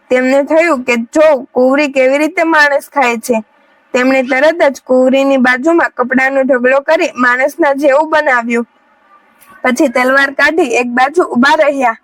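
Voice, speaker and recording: A woman narrating a moral folk tale in a steady, measured storytelling manner. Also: sits high, dry recording, low-quality recording.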